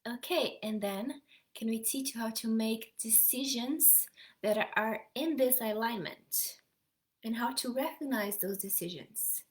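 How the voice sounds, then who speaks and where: Woman, fairly high voice, soft half-whispered delivery, slow guided meditation. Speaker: energy healer.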